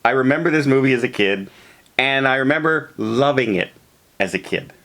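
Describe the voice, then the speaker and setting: Casual man with a mid-pitched voice. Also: expressive, normal speed, a bit bright. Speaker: co-host of a movie review channel. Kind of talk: casual chat, loosely retelling a film.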